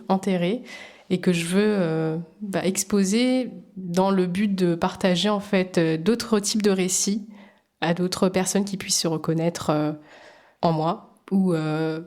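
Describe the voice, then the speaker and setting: A woman's voice: lowish voice, a little mellow. A woman speaking as a podcast guest, telling her own story in a hesitant way, with many fillers and restarts. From Djibouti. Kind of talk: personal testimony in a podcast interview.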